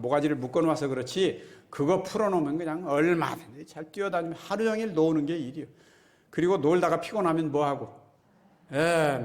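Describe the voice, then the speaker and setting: A man preaching a sermon as pastor, folksy and chatty, often checking in with his listeners. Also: a little high. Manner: folksy, keeps asking the congregation "right?".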